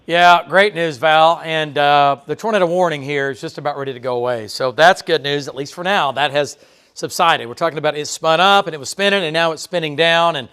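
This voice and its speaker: Inside a TV weather studio, a male meteorologist delivers live tornado coverage, walking through the radar in a loose, chatty style full of fillers and quick "okay?" checks. His voice is a touch higher than most men's, fairly bright and clean.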